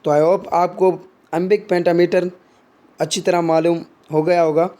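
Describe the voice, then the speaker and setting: A man's voice: sits high, level tone, unhurried, dark tone. A man teaching literary terms, explaining in Hindi and mixing in English terms, with frequent fillers and restarts.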